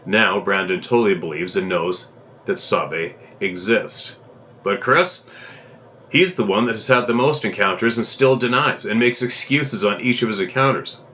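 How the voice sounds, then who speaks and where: A man hosting a show reads a viewer's submitted story out loud. His voice sits on the low side yet comes across bright and pointed. The delivery is steady and plain, with occasional restarts. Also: moderate pace, slight background noise. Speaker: host reading a viewer's letter. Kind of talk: reading a submitted encounter story aloud.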